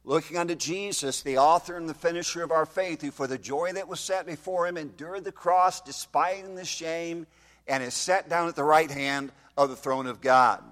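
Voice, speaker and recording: In a slightly echoey church hall, a preacher in his fifties speaks through a microphone with a slightly high, somewhat bright voice at normal speed. He reads scripture in the old King James wording and poses questions to his congregation.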